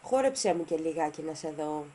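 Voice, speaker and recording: A woman's voice: low voice, lively intonation, warm tone, a little hiss or hum. A woman talking casually to her pet parrot, coaxing and affectionate, repeating short phrases over and over. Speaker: parrot owner.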